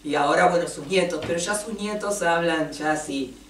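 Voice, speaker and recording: An Argentine woman presenting her book at a café event, speaking with passion and driving her points home through long emphatic lists. Her low-set voice carries across a roomy space from a distant mic. A faint hiss of noise sits underneath. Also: moderate pace.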